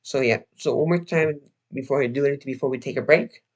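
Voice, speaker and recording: This casual livestream is hosted by a young man who sounds slightly hoarse, as if his voice is going. Speaking at a medium pitch, he meanders and hesitates, repeatedly starting over and filling gaps with filler words.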